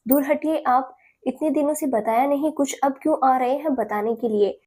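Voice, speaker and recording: A woman's voice: high voice, normal speed, darkish tone, natural voice. A woman voicing a hurt, angry young bride who speaks coldly and firmly in an audio drama story. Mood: furious. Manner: hurt, cold and commanding.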